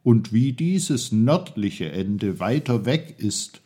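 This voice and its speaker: A man's voice: fairly low pitch, big pitch swings, slow, warm tone, breathy edge, heavily acted. A man doing a patient, teasing old guide. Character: kindly playful wise male guide.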